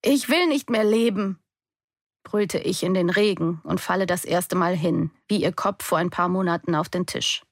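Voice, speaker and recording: A woman's voice: on the low side, steady tone, moderate pace, creaky, few pauses, dry recording, clean studio sound. A young adult woman giving an intense, emotional first-person audiobook narration.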